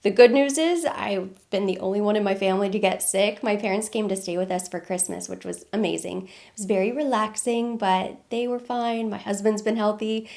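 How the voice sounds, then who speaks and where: A woman's voice: medium pitch, moderate pace, vocal fry, a little mellow. A congested woman with a head cold, chatting upbeat and casually as a beauty vlogger doing her makeup. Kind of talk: casual get-ready-with-me chat.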